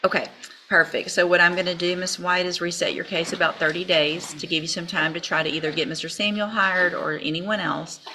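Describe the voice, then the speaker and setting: A woman's voice: on the low side, fairly even intonation, fairly quick. A woman judge in a courtroom, firmly and methodically instructing defendants on procedure. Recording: hissy courtroom recording.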